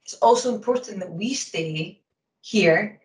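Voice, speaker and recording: Quick-talking Scottish woman, distant and roomy. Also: medium pitch, darkish tone. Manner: talks quickly, with fillers. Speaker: hockey umpire. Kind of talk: casual interview answers. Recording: roomy sound from a distance from the mic.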